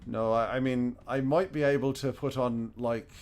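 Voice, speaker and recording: This man, a streamer with a New Zealand accent, casually narrates his thoughts while gaming and chuckles often. His mid-range voice has a steady tone and a slightly mellow quality, and he moves at a moderate pace.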